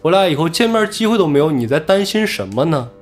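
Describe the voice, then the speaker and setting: A man casually telling a story from his own life on a podcast, animated and acting out what others said. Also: fairly high pitch, quick pace, faint music behind. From Inner Mongolia.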